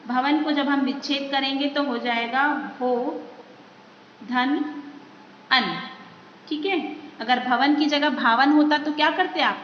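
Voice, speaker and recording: A woman teaching a grammar lesson in a high, bright voice. She talks slowly and patiently, explaining step by step and putting questions to her viewers. The sound is echoey and slightly dull, with a long reverb. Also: fairly even intonation. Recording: echoey dull room recording with faint noise.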